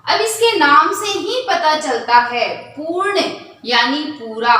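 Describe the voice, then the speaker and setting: In a high, bright, forceful voice, a woman teaching Hindi conducts a lesson where she asks questions and supplies the answers herself. The audio is distant and echoey, with a faint hiss.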